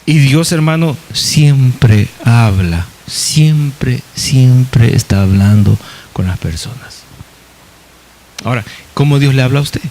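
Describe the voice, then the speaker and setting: A male pastor preaching a Bible study in a folksy way, often calling listeners "brother", with many fillers and restarts and a voice that swings up high. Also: slow pace. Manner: lively pitch swings, rising high in places.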